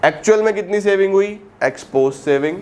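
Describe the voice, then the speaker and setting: In a recorded classroom lecture, a man teaches economics, repeatedly posing questions to students and answering them himself. He mixes Hindi with English terms, stretches key words out slowly and calls students "beta". His voice sits high with a clean tone.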